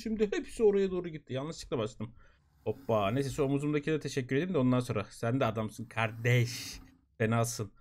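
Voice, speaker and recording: Excitable young man yelping over a game. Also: medium pitch. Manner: jokey, exclaims and yelps at the game; repeats short phrases. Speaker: gaming YouTuber. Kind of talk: excited Let's Play commentary.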